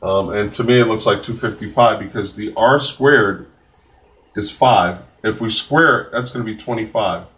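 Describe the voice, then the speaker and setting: A man's voice: fairly low pitch, normal speed, fairly bright tone. A man teaching a live-streamed test prep math lesson, casual and encouraging, with many fillers and restarts.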